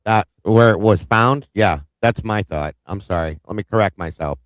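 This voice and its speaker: A man co-hosts a casual livestream discussion in a very deep voice. He talks bluntly, cracks jokes and pokes fun at himself. The recording is dry and close. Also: moderate pace, no room sound, poor audio. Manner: blunt, joking, self-deprecating. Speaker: livestream co-host.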